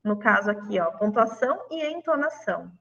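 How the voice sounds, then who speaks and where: A woman's voice: mid-range voice, expressive, moderate pace, gravelly, a bit bright, long reverb tail, recorded from a distance, dull audio. A woman teacher, walking colleagues through classroom games in an online lesson, chatty and full of fillers. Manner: chatty, demonstrates games on screen with many fillers.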